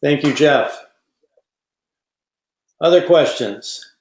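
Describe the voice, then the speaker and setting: A man's voice: a little high, extremely slow. Man moderating a webinar, echoey room. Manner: reads out audience questions, folksy asides. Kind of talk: casual online webinar Q&A.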